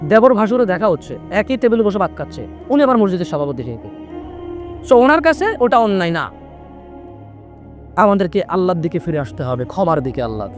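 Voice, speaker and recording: High-pitched animated male preacher. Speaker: Islamic preacher. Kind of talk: waz sermon.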